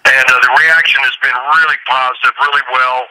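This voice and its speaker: A man's voice: mid-range voice, steady tone, brisk, bright, forceful tone, dry recording. A man being interviewed over a phone line as a visiting musician, talking in an easygoing, rambling way with lots of fillers. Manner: easygoing, rambling, full of "uh" and "you know". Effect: heard over a phone line. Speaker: musician guest. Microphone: telephone.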